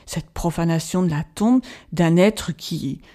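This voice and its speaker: A proud young nobleman , voiced by an audiobook narrator, speaks with heated indignation. The tone stays dark and mellow under the anger. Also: mid-range voice, takes it slowly, close to an everyday voice. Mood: indignant.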